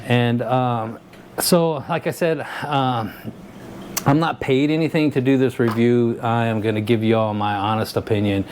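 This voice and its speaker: Man, mid-pitched voice, casual rambling product review, lots of filler words, faint background noise. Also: steady tone, unhurried, darkish tone. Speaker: channel host and product reviewer. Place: by a vehicle, showing its lights.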